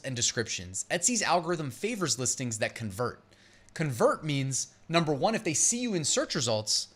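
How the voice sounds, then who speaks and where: Hosting an online seller advice channel, a man explains points to camera in an emphatic, punchy way, blending read-out lines with his own commentary. His voice is a little high and a bit bright.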